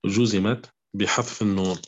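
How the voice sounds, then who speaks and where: A man teaching a grammar lesson, speaking slowly and repeating his examples, often checking with the class whether it is clear. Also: fairly low pitch, fairly even intonation, slight background noise. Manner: slow, repetitive, asks "clear?" often. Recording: dull lo-fi recording.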